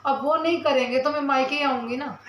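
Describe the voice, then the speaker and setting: A woman's voice: sits high, fairly quick, fairly bright tone, echoey room, a little hiss or hum, rough recording. A young woman vlogger talking to camera, earnestly answering her viewers' comments and defending herself while in some pain from her mouth. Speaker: village vlogger.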